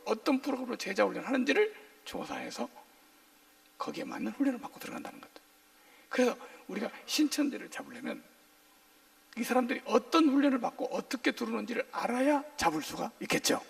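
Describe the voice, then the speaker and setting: Male pastor, very high and rough-edged voice, swooping delivery, playful preacher who quizzes his flock, heard from a distant church mic. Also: fast talker. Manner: lively, quizzes the congregation with call-and-response questions; jokey, playful asides. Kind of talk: sermon.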